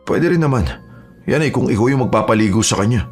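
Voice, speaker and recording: A man playing a steady aswang hunter in a horror audio story, calm and firm, over faint music. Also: medium pitch, fast talker, close to an everyday voice.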